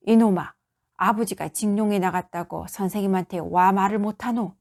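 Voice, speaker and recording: Give me a woman playing a loud drunken father with a Gyeongsang accent, scolding at full volume. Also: mid-range voice, fairly even intonation, moderate pace, vocal fry, natural voice. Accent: Gyeongsang dialect. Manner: shouting, slurred scolding. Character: drunk one-armed middle-aged father, loud and blustering.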